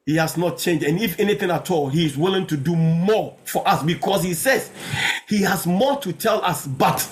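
A preacher giving a sermon over a video call, emphatic, often repeating words as lines start and swinging between high exclamations and low asides. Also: animated, moderate pace.

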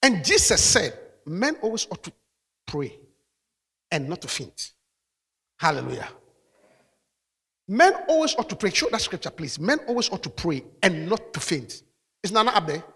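High-voiced preacher man in a reverberant hall. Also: big pitch swings, normal speed, long pauses, sharp tone, breathy edge. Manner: preaching with call-outs of hallelujah. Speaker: pastor. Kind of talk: sermon.

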